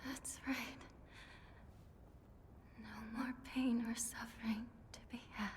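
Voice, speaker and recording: A woman's voice: a little high, little pitch movement, takes it slowly, a little mellow, a little hiss or hum. An actress playing an anguished, submissive young woman in a video game. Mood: dazed, submissive.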